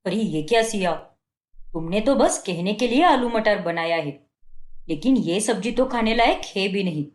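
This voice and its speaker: A woman's voice: medium pitch, lively intonation, moderate pace, roomy sound, close to an everyday voice. A woman voicing a fault-finding young husband in a cartoon, scolding and contemptuous. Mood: scornful. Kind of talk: Hindi cartoon dubbing.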